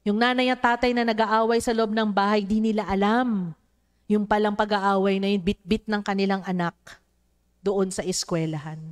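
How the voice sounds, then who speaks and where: A woman's voice: mid-range voice, little pitch movement, moderate pace, clean tone. A woman preaching a sermon to a congregation, mixing English into her talk and acting out the voices of children in her stories. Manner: mixes English into Tagalog, addresses the congregation.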